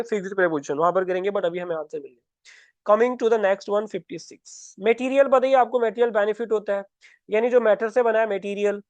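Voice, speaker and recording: A man's voice: sits high, no echo. A young man teaching exam vocabulary in a casual, repetitive style. He often checks in with his students. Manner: conversational, repeats words, checks in with "है ना". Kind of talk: exam-prep lesson with on-screen writing.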